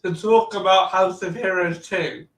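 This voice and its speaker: A man hosting a casual wrestling chat, relaxed and chatty, laughing often. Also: high-pitched, a little slow. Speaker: podcast host. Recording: roomy echo, distant mic.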